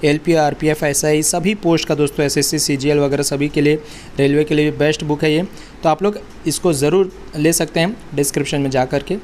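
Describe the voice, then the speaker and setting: A man's voice: a little high, fairly even intonation, fairly quick, a little mellow, a little hiss or hum. A man hosting an interview, addressing viewers as friends and asking guests about their exam preparation. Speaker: interviewer and channel host. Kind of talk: casual interview and promotion.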